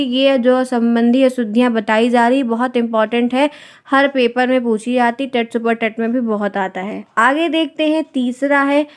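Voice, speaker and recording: A woman teaching a language exam-prep class, saying each example word slowly and twice, putting questions to the class and answering them herself, with English words mixed in. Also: high-pitched. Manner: mixes English words into speech.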